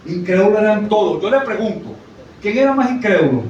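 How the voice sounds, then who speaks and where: A man with a high voice preaches a sermon and keeps checking in with his listeners. He sounds like he is in a very echoey hall, picked up from well away from the mic. A faint hiss sits behind him. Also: expressive, a little fast, darkish tone, lo-fi sound. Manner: conversational, asks the congregation questions. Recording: echoey, from far off, faint noise.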